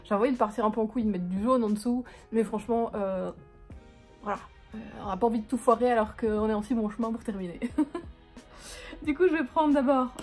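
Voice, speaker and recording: A woman's voice: on the high side, a little mellow. A woman doing a casual makeup tutorial at home, chatty, rambling and self-mocking, with casual swearing. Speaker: beauty vlogger. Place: living room at home, on a couch.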